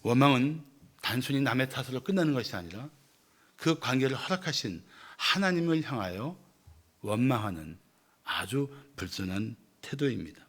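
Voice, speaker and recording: A man's voice: medium pitch, very animated, normal speed, a bit bright. A male pastor preaching a sermon, asking the congregation questions and answering them himself.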